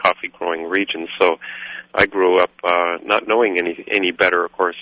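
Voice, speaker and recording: Deep-voiced man from Guatemala, rambling. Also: level tone, sharp tone. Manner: rambling, halting, full of fillers. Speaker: coffee roaster, guest. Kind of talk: radio interview. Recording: dull lo-fi radio sound.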